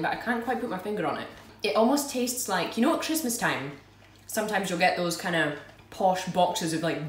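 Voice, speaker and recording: A woman chatting casually as she unboxes and tastes snacks, self-deprecating and giggly. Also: lowish voice. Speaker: food vlogger. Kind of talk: casual unboxing and tasting review. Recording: roomy echo, mic at a distance, faint noise.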